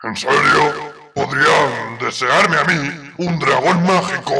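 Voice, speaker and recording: Shenron, a man as a gravelly, distant eternal dragon. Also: on the high side, slow, heavy background noise. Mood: sarcastic. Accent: Spain. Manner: jaded, sarcastic. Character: grumpy, sarcastic, foul-mouthed magical eternal dragon. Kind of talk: comedic anime parody dub. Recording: distant voice over background music.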